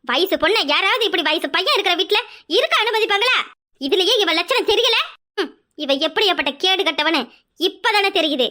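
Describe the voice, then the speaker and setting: A woman's voice: very high-pitched, expressive, brisk, bright, forceful tone, heavily acted. A woman voicing a scheming, meddling older sister-in-law with a sneering, suspicious way of talking and a Kanyakumari Tamil accent.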